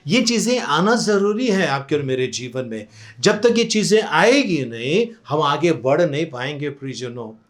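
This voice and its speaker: A man's voice: fairly high pitch, animated, unhurried. A male pastor preaching a fervent sermon at a church service, echoing each scripture phrase after it is read and dropping English words and praise exclamations into his talk.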